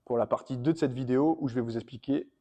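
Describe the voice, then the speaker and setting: A man's voice: medium pitch, fast, warm tone, muffled recording. A man coaching a workout in a casual, slangy tutorial, talking straight to his viewers. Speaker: fitness coach.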